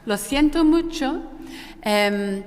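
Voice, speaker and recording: A woman's voice: sits high, expressive, extremely slow, a little mellow. A woman with a non-native Spanish accent moderating a conference panel, hesitant and often correcting herself, her voice echoing through a hall like in a cathedral. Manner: hesitant delivery with frequent self-corrections. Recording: echoey hall with long cathedral-like reverb.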